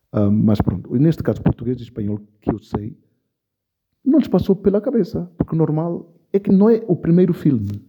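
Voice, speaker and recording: In an interview, a man speaks with passion and emphasis, repeating key phrases to drive them home. His voice is mid-range and husky, captured on a dull, lo-fi recording.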